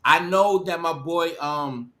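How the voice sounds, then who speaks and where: A man's voice: on the high side, takes it slowly, bright, forceful tone. A man in his forties in a casual debate chat, stammering and repeating his words. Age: 40s.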